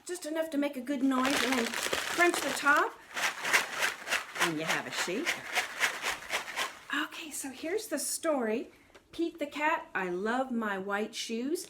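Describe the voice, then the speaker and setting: There's a bit of background noise as a woman with a fairly high voice reads to young children from a picture book. She's lively, posing questions to them and reacting out loud to the story.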